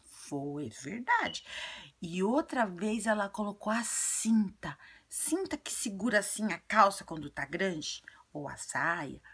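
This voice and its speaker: A woman voicing an earnest, chatty little girl who tells childlike stories and gives advice in a breathy, often half-whispered voice. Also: medium pitch, big pitch swings, slow pace, a bit bright, heavily acted. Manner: childlike storytelling, repetitive. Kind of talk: video monologue in character.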